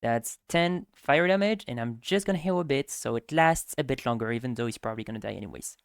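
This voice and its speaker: Smooth-voiced casual player, a man. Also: mid-range voice, lively intonation, fast talker, no echo, clean studio sound. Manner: casual, rambling, explains his character's actions. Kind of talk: casual tabletop play.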